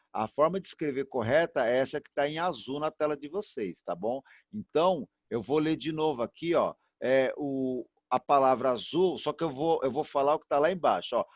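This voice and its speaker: A Brazilian man teaches an online class at a middle pitch, repeating words patiently and drawing each one out to show how it sounds. His voice comes through a dull, muffled video-call line with no room echo at all. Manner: patient, repetitive, drawn-out demonstrations. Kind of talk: online class pronunciation lesson.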